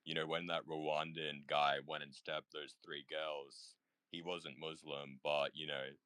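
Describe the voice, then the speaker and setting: A young man with a strikingly deep voice speaks haltingly in a group voice chat, filling gaps with "like" and "um". The recording is close and dry. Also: flat delivery, pushed and bright, clean tone, dry recording. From Australia. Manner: hesitant, full of "like" and "um".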